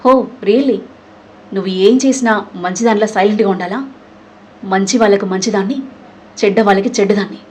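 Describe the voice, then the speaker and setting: A woman's voice: medium pitch, a little fast, long pauses, darkish tone, close to an everyday voice, poor audio. A woman voicing a furious young woman who scolds a traitor sharply and sarcastically. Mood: angry.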